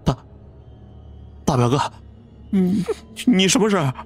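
A high, stammering, scared young cousin, as a male audiobook narrator puts him on, faint music behind. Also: very animated, measured pace. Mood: frightened stammer. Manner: stammering, pleading.

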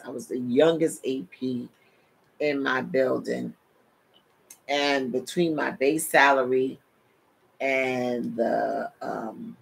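A preacher and show host gives an animated, sermon-style testimony by webcam from her home office, sitting in a desk chair, gesturing with her hands and addressing listeners as "people". She is a middle-aged New Yorker with a New York accent and Caribbean touches. Her rumbling low voice is creaky and slightly rough, and the audio is poor.

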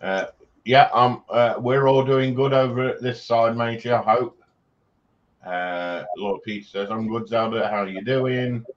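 Reading viewer comments casually on his livestream, a man speaks in a mid-range voice with fairly even intonation at a measured pace. He jokes with chat and laughs often, and the recording is a little dull with faint background noise.

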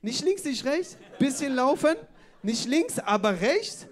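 A man's voice: extremely high pitch, very animated, unhurried, voice pushed up, exaggerated voice. A man voicing a helpful male passerby who gives directions in simple, repetitive broken German.

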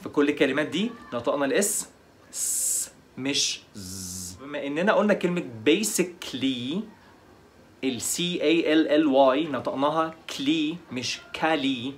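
A man with an Egyptian Arabic accent teaching English pronunciation, slowly repeating each word several times. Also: on the high side, slight background noise. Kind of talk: pronunciation lesson.

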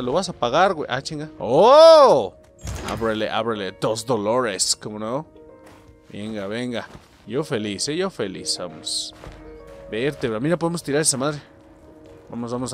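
A man with a Mexican accent commentating a video game as host, excitable and swearing, shouting at the game. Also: medium pitch. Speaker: gaming channel host. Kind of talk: let's play commentary.

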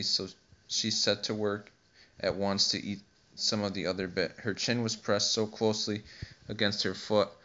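A man narrating an audiobook in a steady, plain reading voice with occasional slips. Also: on the low side. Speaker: audiobook reader. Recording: dull lo-fi recording.

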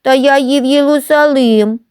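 A woman's voice: high voice, sing-song, slow pace, a little mellow, clear, resonant tone, pitched above the performer's own voice, heavily acted. A woman doing a timid, tearful little village boy. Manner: childish lisping speech.

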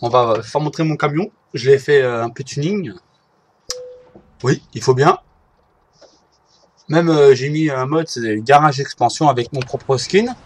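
Guy chatting over his truck sim gameplay, halting, keeps restarting, middle pitch. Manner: hesitant, halting, often restarts and apologizes; talks to viewers while driving in a game. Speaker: gameplay video maker. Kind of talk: casual gameplay commentary.

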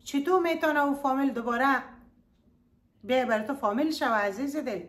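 A woman with an Afghan Dari accent, telling a story to her online viewers and pleading with them to look after themselves. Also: high-pitched. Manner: pleading, addresses listeners fondly. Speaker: YouTube storyteller giving advice. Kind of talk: earnest advice monologue to viewers.

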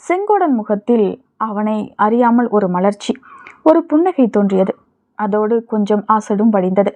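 A woman narrating a novel as an audiobook reader, in steady storytelling. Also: medium pitch, normal speed. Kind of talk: scripted narration. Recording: tinny phone-like audio.

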